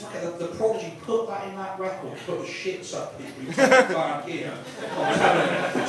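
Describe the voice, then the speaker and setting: Performing in a small comedy room inside a pub, this English man has a high voice and a rambling, foul-mouthed style, stopping and repeating himself as he digresses for the live audience. It's a distant, echoey club recording full of noise, with laughter and general room sound behind him.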